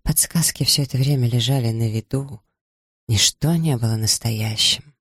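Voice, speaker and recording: A man giving measured, dramatic audiobook narration. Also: medium pitch, a bit bright, slightly rough, no room sound, clean studio sound. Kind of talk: scripted narration.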